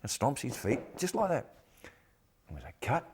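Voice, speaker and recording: A man's voice: medium pitch, huge pitch swings, moderate pace, background noise. An older man with a broad Australian accent, reminiscing casually and bluntly in an interview, with salty colloquial turns of phrase. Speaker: actor interviewee.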